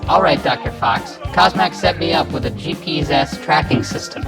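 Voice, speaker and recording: A dutiful computer navigator gadget speaks in a formal, robotic manner , voiced by a man. It is matter-of-fact, with loud music behind it in a comedy road show. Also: on the high side, moderate pace, natural voice.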